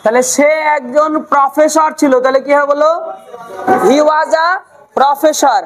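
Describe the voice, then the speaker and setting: A woman teaching English to Bengali speakers with a Bengali accent, asking questions and repeating the answers slowly. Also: sits high, fairly even intonation. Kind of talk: spoken English lesson with drills.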